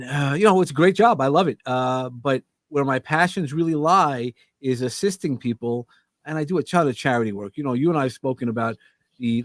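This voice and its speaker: Middle-aged Brooklyn-accented male guest, joking and animated, a dry close sound. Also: medium pitch, dry recording. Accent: New York (Brooklyn). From Brooklyn, New York. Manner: animated, joking, self-interrupting. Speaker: podcast guest. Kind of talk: casual interview chat. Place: remote video call.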